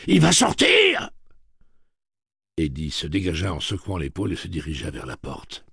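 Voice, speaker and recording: A man reading a novel aloud as an audiobook narrator, steady and dramatic. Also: a bass voice, a little fast, vocal fry, breathy edge, dry recording, studio quality. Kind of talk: scripted narration.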